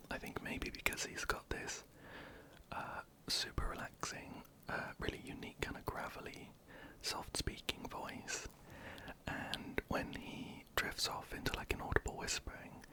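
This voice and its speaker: An ASMR creator, whispering softly and hesitantly while answering viewer questions into a close microphone. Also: a little slow, rough recording. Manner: soft, hesitant, many ums and restarts.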